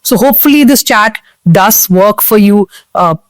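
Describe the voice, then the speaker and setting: A woman's voice: medium pitch, lively intonation, moderate pace, no room sound. A woman with a South Indian English accent hosting a news discussion in an earnest, explanatory, conversational way. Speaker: host of a current affairs discussion show.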